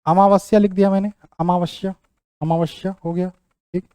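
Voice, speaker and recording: High-voiced man teaching spelling drills. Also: little pitch movement, normal speed, warm tone, clean tone, no echo. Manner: repeats words while writing them out, checks in with "ठीक". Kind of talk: online exam-prep lesson.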